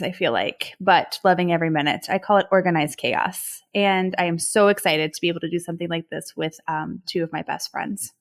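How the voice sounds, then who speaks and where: A woman from Ohio talks in a slightly low voice, chatty and enthusiastic as she co-hosts a podcast with friends. She laughs often along the way. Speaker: podcast co-host. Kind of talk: casual chat among friends.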